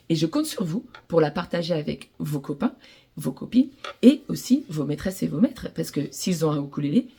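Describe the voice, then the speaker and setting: A woman with a French accent teaching ukulele to children, gently encouraging them through the lesson. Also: fairly low pitch, gravelly, slightly rough.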